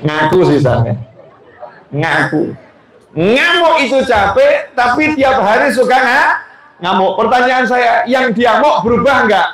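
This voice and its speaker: A man's voice: very high voice, animated, takes it slowly, fairly bright tone, a faint crowd. A male preacher giving a sermon to a gathering, teasing the audience with questions. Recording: very echoey hall.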